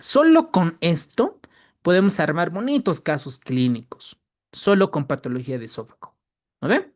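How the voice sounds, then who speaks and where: A man giving an online medical exam-prep lecture. He repeats key terms and tags his lines with quick checks for agreement. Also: on the high side. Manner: lively, emphatic rises on key terms.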